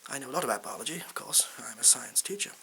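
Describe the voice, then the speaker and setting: A man plays a bumbling male supply teacher in an ASMR role-play. The voice is crisp-edged and bright at an ordinary male pitch, hesitant and rambling, bluffing through the lesson with deadpan self-importance. A faint hiss sits behind it. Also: fast talker, exaggerated voice. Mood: flustered stalling. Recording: hissy background noise.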